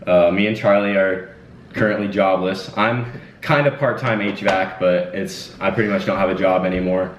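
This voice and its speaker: This is a casual Q&A led by a twenty-year-old channel host at home, who talks in a loose, rambling style full of fillers. His voice sits low with a steady tone at normal speed. A distant, dull mic in an echoey room carries a little hiss or hum.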